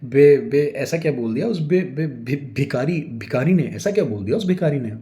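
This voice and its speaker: A man's voice: mid-range voice, big pitch swings, moderate pace, warm tone, voice pushed up, natural voice. A man voicing a sly middle-aged husband who stammers through nervous excuses to his wife. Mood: flustered excuses.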